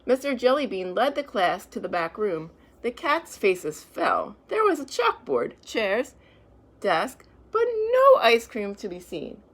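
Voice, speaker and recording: A woman with a slightly high voice and big swings in pitch reads picture books aloud to young children. She stops now and then to explain things in simple, comforting words.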